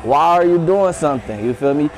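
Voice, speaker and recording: A man's voice: fairly high pitch, lively intonation, fairly quick, a little mellow, low-quality recording. A young American man giving a casual, slangy motivational talk to camera, repeating his catchphrase. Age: young adult. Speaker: fitness vlogger giving motivation. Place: small wood-panelled indoor room.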